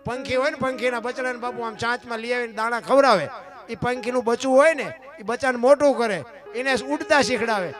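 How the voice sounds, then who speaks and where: A man giving a folk moral talk, his voice sitting high for a man. He keeps turning to his listeners with rhetorical questions. A guitar plays clearly underneath him. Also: a little fast. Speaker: folk storyteller at a dayro gathering. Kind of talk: folk moral discourse to a live audience.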